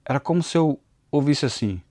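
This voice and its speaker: With a Recife accent tinged by inland Pernambuco, a Northeast Brazilian man, a channel host and Bible teacher, speaks earnestly and confessionally in a devotional talk shot on a phone camera. His medium-pitched, darkish voice is lively in intonation and fairly quick. There's no echo, and the audio is studio quality.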